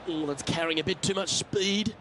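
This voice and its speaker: A man performing as a lively, admiring TV golf commentator in a video game. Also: high-pitched, normal speed, noisy background, lightly acted. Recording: music behind the voice.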